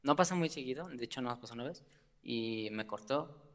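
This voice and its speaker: A man's voice: mid-range voice, animated, a little fast. A man who is a guest on a talk show, speaking about his feelings hesitantly, with many fillers and nervous laughs. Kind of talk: conversational personal talk. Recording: long reverb.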